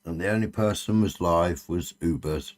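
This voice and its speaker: Low-voiced, sweary Cornish man. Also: normal speed. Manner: sweary, bantering. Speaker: live stream host. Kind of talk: casual late-night livestream chat.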